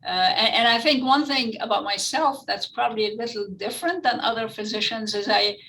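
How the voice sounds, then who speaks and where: A middle-aged physician-researcher with a French-influenced Lebanese accent gives earnest, explanatory answers as an interview guest. Her slightly high voice is brisk, pushed and bright. The audio is poor, with slight background noise.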